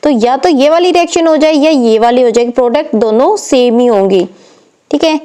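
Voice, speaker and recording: A woman's voice: high voice, moderate pace, dark tone. A young woman tutor explaining an exam paper step by step, asking questions and answering them herself. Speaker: chemistry tutor. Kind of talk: exam paper walkthrough lesson.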